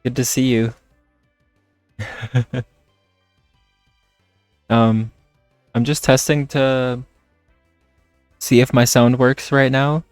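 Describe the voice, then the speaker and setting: A man chatting casually on a livestream while playing a game, talking in a hesitant, halting way. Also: mid-range voice, little pitch movement, smooth, no echo, soft background music. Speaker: streamer. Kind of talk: casual livestream chat over gameplay.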